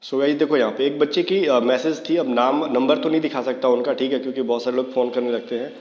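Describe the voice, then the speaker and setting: A man's voice: mid-range voice, fast talker, a little mellow, muffled recording. A man teaching exam prep in a casual Hindi video lesson, speaking straight to viewers and dropping in fillers. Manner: talks straight to viewers, many fillers like "theek hai". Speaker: online exam coaching teacher. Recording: echoey room with long reverb.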